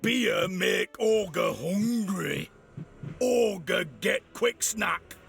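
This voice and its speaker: An actor playing a dim-witted, cheerful, hungry ogre brute in a video game, with gravelly, simple caveman speech. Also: sits high, lively intonation, very slow, a bit bright, full character voice. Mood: greedy, content. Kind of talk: video game character acting. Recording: music behind the voice.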